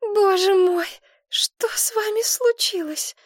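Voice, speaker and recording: A woman voicing a fussy, soft-hearted woman who exclaims and pleads in a high, fluttery way. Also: sing-song, normal speed, dry recording, studio quality. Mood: fussing.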